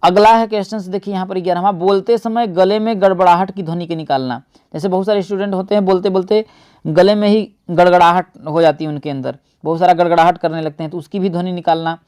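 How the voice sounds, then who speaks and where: A man's voice: sits high, steady tone, fast talker, darkish tone, smooth. A man teaching an exam-prep lesson, often asking and answering his own questions and calling his viewers friends.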